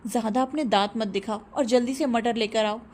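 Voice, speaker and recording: A woman's voice: a little high, steady tone, fairly quick, a little mellow, slight background noise, lightly acted. A woman reading a stern teasing mother. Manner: scolding, bantering.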